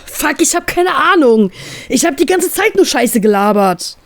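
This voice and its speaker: A woman's voice: high-pitched, very animated, a little slow, no echo, voice pushed up, exaggerated voice. A woman reading aloud and voicing a brooding male pirate captain and doctor who swears and snaps in irritation. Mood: angry outburst.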